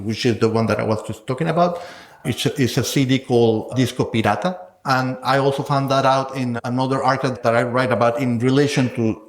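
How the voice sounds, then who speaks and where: Speaking at medium pitch, a man appears as a guest scholar in an academic interview, thinking aloud and tagging many points with "no?". The recording has a roomy echo.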